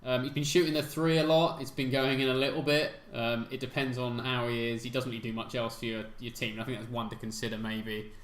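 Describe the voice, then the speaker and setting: An English man co-hosting a podcast, giving quick, confident opinions in casual sports chat. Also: medium pitch, level tone. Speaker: podcast co-host. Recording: roomy home recording.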